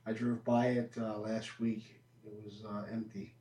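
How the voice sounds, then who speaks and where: A man's voice: on the low side, little pitch movement, unhurried, dark tone. A man hosting a podcast in casual chat, telling stories animatedly and acting out what he said. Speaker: podcast host. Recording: roomy echo.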